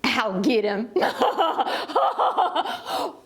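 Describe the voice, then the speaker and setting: Woman voicing sly male fox puppet, extremely high voice, very animated, eager, bungling, children's show. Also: extremely slow, heavily acted. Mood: sneaky, gleeful. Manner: exclamatory, exaggerated, eager.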